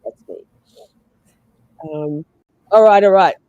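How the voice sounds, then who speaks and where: A woman's voice: mid-range voice, slow, warm tone, no echo, dull audio. A woman with a nasal voice hosting a casual livestream, bantering and swearing freely as she talks with her co-host and viewers.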